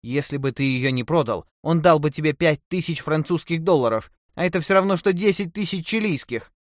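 Man reader voicing a shrill, nagging island wife with a dry, close sound. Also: expressive, fairly quick, no echo, natural voice. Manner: nagging, wailing.

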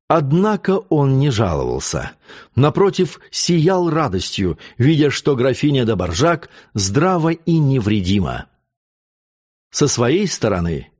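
Expressive male audiobook narrator. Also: medium pitch. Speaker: audiobook reader. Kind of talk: reading a classic novel aloud.

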